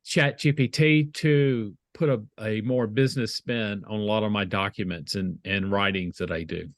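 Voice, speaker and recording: A middle-aged IT leader with a Southern American accent answers interview questions as a guest on a video call, speaking in a measured way and often restarting phrases. His voice is fairly low, and the audio is studio quality with no room sound.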